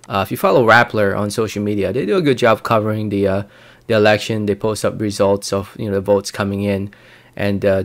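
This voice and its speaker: Young man from the Philippines, somewhat low voice, casual vlog talk, hesitant with lots of fillers. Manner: hesitant, many fillers and restarts. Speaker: YouTuber.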